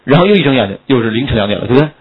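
Fast-talking, joking male English teacher. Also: medium pitch, animated, lo-fi sound, crowd noise. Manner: quick, joking, asks students questions often. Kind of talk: classroom lecture. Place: classroom.

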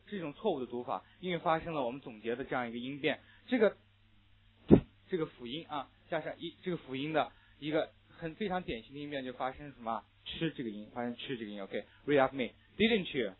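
A man's voice: a little high, expressive, fast talker, husky. A young adult man teaching English pronunciation to a class, explaining sound changes and having students repeat phrases after him. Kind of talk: classroom lecture. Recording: muffled phone-like lo-fi audio.

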